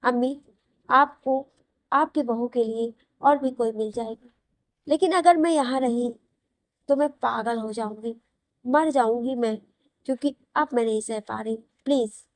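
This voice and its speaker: A woman puts on a young wife in tears, begging with a desperate, pleading edge. The voice sits fairly high and the sound is close and dry, as in a read-aloud audio story. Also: a little slow, no echo. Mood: pleading, tearful. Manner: pleading and crying.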